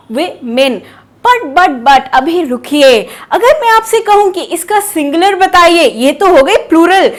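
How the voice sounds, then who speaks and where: A woman leads an online pronunciation lesson. She quizzes her viewers playfully and stretches out key words to stress them. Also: very high-pitched. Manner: lively and teasing, quizzes the viewers, drawn-out emphasis on words. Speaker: English teacher.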